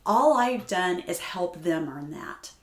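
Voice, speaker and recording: A woman guest from Oklahoma, telling a family story and talking about her work as a grant writer in an animated, heartfelt way. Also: fairly low pitch, slow pace, roomy sound. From Tulsa, Oklahoma. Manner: animated, heartfelt, laughs easily. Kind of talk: conversational storytelling.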